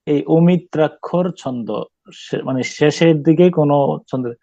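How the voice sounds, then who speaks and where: A man's voice: a little high, measured pace, mellow, dry recording, muffled recording. Man teaching poetry to a class. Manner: stops to quiz students, mixes English terms, many hesitations.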